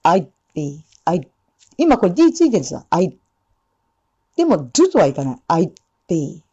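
Lively woman teaching pronunciation, lo-fi. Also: lowish voice, slightly rough. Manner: demonstrates English sounds slowly, repeating phrases. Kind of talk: pronunciation lesson. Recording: dull lo-fi sound.

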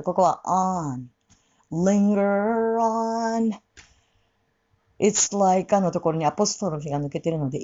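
A woman's voice: mid-range voice, a little mellow, highs cut off. A woman teaching English pronunciation for singing, demonstrating the sounds by repeating words. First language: Japanese. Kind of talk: casual spoken lesson.

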